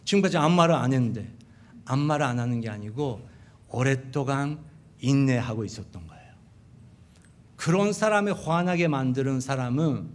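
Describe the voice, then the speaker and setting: A middle-aged man with a Japanese accent, a pastor preaching a sermon in an animated storytelling manner. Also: mid-range voice. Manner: animated storytelling, acting out quotes of wife and sons. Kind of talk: sermon with acted family stories.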